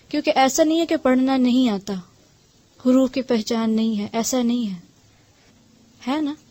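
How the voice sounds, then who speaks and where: A woman's voice: a little high, dark tone, dry recording. A woman teaching Quran recitation in a patient lesson. She demonstrates sounds one at a time and often checks in with short questions. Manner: models sounds slowly. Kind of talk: tajweed lesson for women.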